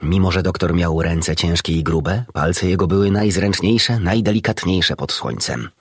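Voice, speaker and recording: A man reading a children's book aloud as an audiobook narrator, in expressive scripted narration. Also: deep voice, normal speed, slightly rough, dry recording, clean studio sound.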